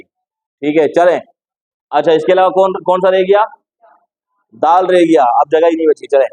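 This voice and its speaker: A man's voice: fairly high pitch, a little mellow, no room sound, rough recording. A man teaching a class how to recite words correctly, repeating each word many times and correcting his students. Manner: asks the class questions and corrects them. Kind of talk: classroom tajweed lesson.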